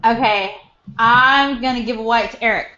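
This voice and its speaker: A woman's voice: a little high, moderate pace, bright, forceful tone, highs cut off, slight background noise. A woman chatting casually and improvising as a player in a live tabletop game. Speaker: player in a live tabletop role-playing show.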